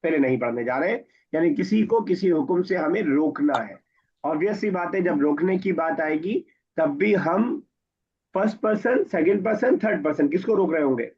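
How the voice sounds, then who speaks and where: A man's voice: on the high side, expressive, normal speed, breathy edge. A man teaching an Arabic grammar class, patiently explaining and quizzing his students. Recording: dull lo-fi recording.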